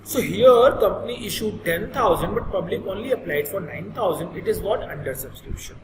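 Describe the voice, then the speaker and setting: A lively, swooping male voice with an Indian accent from a native Hindi speaker gives a classroom explanation. He is instructive and repeats points to check they are understood. The room rings with long reverb, and there is clear noise behind him. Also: high voice, a little fast. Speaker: accountancy teacher.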